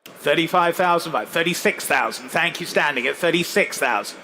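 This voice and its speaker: A man's voice: on the high side, a little fast, pushed and bright. A man working as an auctioneer, calling live bids in a polished, courteous, coaxing patter and repeating the figures. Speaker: classic car auctioneer. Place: large indoor show hall, live saleroom. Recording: noisy auction hall ambience.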